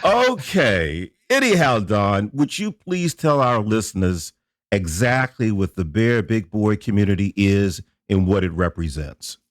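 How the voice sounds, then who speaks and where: A man's voice: lowish voice, big pitch swings, measured pace, no room sound, clean studio sound. A man hosting a podcast interview, playful and teasing with his guest. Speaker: podcast host. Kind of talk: casual interview talk.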